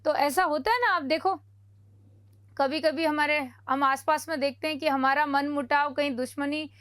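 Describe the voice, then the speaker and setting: High-voiced woman teaching with playful mnemonics. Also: normal speed, a bit bright, no echo. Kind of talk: exam coaching lecture with memory tricks.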